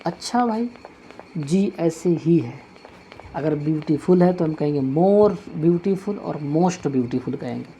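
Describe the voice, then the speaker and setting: Mellow-voiced man teaching grammar patiently. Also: fairly high pitch, a little hiss or hum. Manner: patient, repeats each point slowly while writing on a board. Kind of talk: classroom grammar lesson.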